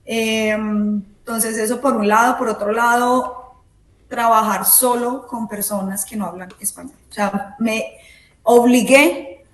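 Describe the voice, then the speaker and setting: Woman, fairly high voice, echoey room, explains step by step. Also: fairly even intonation, takes it slowly. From Latin America. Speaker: interview guest. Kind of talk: casual interview.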